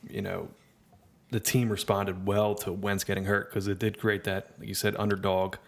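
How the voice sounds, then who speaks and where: A man's voice: on the low side, little pitch movement, moderate pace, gravelly. A young man co-hosting a sports podcast, asking questions and steering the casual talk. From Philadelphia. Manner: asks questions, drives the talk. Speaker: podcast co-host. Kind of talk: casual chat.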